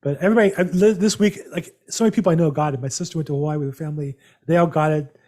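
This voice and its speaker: A man's voice: a little high, fairly even intonation, very fast, dark tone. Chatty man hosting a video-call seminar. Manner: chatty, rambling with many fillers. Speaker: seminar host, real estate agent. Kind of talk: live webinar presentation.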